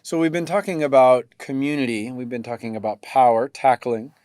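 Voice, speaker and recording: A middle-aged man leads a relaxed podcast talk in a voice of ordinary middle pitch. He sounds thoughtful and steers the topics, often repeating a word as he works out his point. The recording is dry and close. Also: a little fast, dry recording. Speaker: podcast co-host, coach. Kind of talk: casual conversational podcast.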